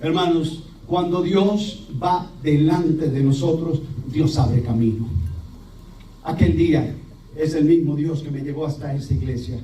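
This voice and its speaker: A priest with a Puerto Rican accent giving a lively sermon, telling stories and imitating voices. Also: male voice, a little high. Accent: Puerto Rican Spanish. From Puerto Rico. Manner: lively storytelling preacher, mimics voices, laughs. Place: church hall. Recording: roomy, distant church recording with faint hiss.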